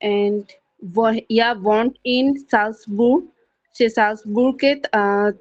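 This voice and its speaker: A woman's voice: a little high, steady tone, takes it slowly. Woman student reading answers over a dull call. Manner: reads each sentence, then restates it. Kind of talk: reading and explaining answers in an online class.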